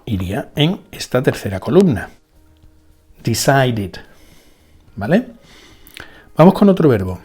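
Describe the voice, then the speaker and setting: A man teaching a spoken language lesson, going slowly and deliberately, repeating each example word and checking in with rhetorical questions. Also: mid-range voice, big pitch swings, warm tone, breathy edge. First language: Spanish. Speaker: English teacher.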